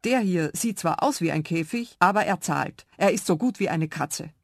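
A woman reading a children's radio story, voicing a stubborn, rule-bound male tram ticket inspector who talks louder and insists. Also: on the low side, animated, normal speed, creaky, no echo, studio quality. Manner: officious, insistent, louder than the narration.

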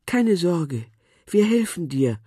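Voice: mid-range voice, sing-song, slow, warm tone, breathy edge, no echo, studio quality, pitched above the performer's own voice, full character voice. A narrator voicing a kind, determined little girl in a storybook. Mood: eager. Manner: earnest, caring.

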